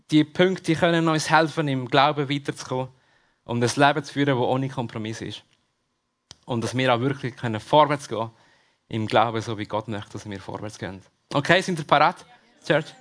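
A man's voice: mid-range voice, normal speed. A man with a Swiss German accent preaching a sermon at a church service, talking straight to the congregation and repeating his key questions. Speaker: pastor.

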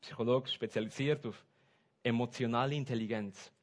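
A man preaching a sermon, switching between soft asides and loud, stressed points. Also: mid-range voice, fairly even intonation, moderate pace. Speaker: pastor.

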